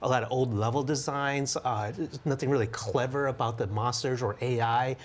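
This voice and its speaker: A man's voice: medium pitch, normal speed. A man co-hosting a games podcast, chatting eagerly and reminiscing about old games. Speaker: podcast co-host. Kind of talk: casual chat.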